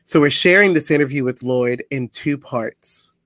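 A man's voice: mid-range voice, moderate pace, pushed and bright, no room sound. Friendly male podcast host, dry close sound. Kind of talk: podcast intro and interview.

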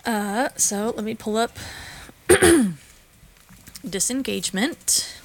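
A woman running a tabletop game as game master, reading rules in a steady, measured way with frequent ums. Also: medium pitch.

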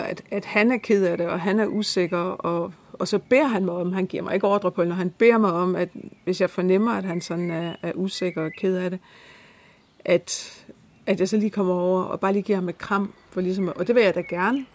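A woman's voice: on the low side, fairly even intonation, darkish tone. A woman recounting personal experiences in a hesitant way, with many restarts. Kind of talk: personal storytelling.

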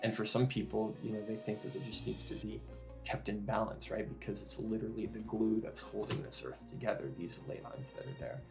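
Rambling game master, lots of fillers. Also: male voice, on the low side, brisk, vocal fry, over music. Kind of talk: narrating a tabletop game.

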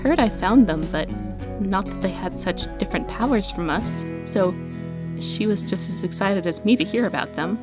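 A woman's voice: medium pitch, expressive, moderate pace, music in the background, lightly acted. An actress playing an awkward, earnest young woman with magic, rambling and hesitant as she records herself in an audio drama. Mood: chatty. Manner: rambling, hesitant, stammering when flustered.

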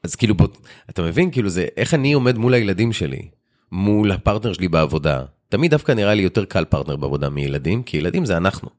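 A man's voice: sits low, lively intonation, darkish tone. A man in his forties hosting a podcast, chatting casually and telling personal stories in colloquial speech. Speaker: podcast host. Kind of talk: casual chat.

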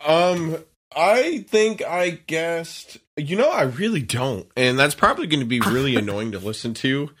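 Goofy male co-host, unhurried, bright forceful voice, laughs a lot. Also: fairly high pitch, lively intonation, slightly rough. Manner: giggly, goofy, often laughing; does silly put-on voices. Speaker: podcast co-host. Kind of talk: casual podcast chat.

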